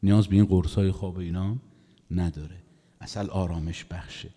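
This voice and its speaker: Impassioned middle-aged preacher in a reverberant hall. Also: male voice, fairly even intonation. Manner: emotive, rising to high impassioned pitch when voicing the story, drops to soft asides. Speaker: cleric preacher. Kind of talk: religious sermon with storytelling.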